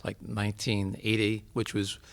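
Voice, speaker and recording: A man in his seventies from New York, a pediatrician and professor, answering interview questions in a measured, explanatory way. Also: on the low side, little pitch movement, creaky. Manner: measured, explanatory, listing facts.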